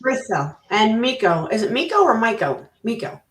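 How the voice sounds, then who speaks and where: A cheerful woman interviewer talks with guests in a relaxed, chatty way, full of fillers and quick laughs. She sounds set back from the microphone in an echoey room. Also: a little high. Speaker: interviewer host. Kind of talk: upbeat live interview. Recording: roomy, distant mic.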